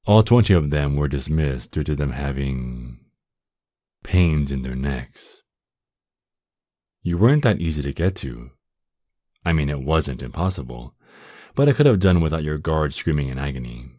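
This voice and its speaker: A man acts out a dominant vampire lord in an intimate ASMR roleplay. His voice is exceptionally deep and slow, recorded close and dry. He is seductive and menacing, taunting with a possessive, mock-tender air. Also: a little mellow, no room sound. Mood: smug, possessive.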